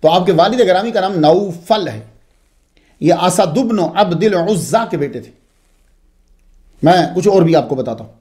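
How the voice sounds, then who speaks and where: This religious history lecture is given by a man whose voice sits high, moving at a moderate pace and pausing often. He narrates expressively, with plenty of asides and digressions.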